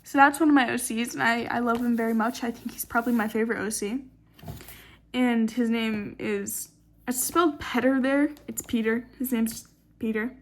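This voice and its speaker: A tired young woman rambles through her sketchbook late at night, her voice a little high. She swears freely and tosses out sarcastic asides as she flips through pages. It sounds like a loose, unplanned chat recorded in a dim room. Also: steady tone, normal speed. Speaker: artist showing her sketchbook.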